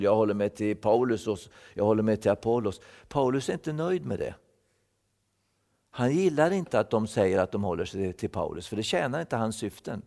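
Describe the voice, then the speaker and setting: A man's voice: fairly low pitch, a little mellow, big-room sound. A man giving a thoughtful Bible-teaching sermon, repeating words as he explains. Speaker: preacher.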